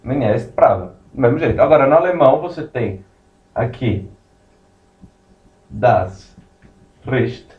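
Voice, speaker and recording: A man's voice: mid-range voice, expressive, measured pace, long pauses. Man, law lecturer, digressive explaining, far from mic, dull lo-fi sound. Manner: explanatory, digressive, writes on board while talking. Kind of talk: recorded classroom lecture. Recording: roomy, distant, muffled lecture recording.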